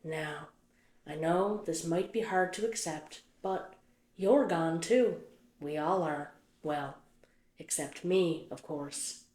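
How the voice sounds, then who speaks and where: A woman's voice: low voice, slow. A woman voicing the patient, mildly dry caretaker of a ghost town in a puppet stage play. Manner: mild, patient, gently dry hosting. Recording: roomy echo.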